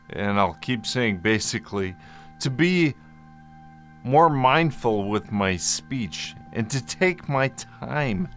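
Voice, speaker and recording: Reading some notes and improvising the rest, this vlogger explains his own medical experiences informally. His pitch is medium and a touch bright, and he talks in a deliberate, halting manner with lengthy hesitations and some mild slurring at times.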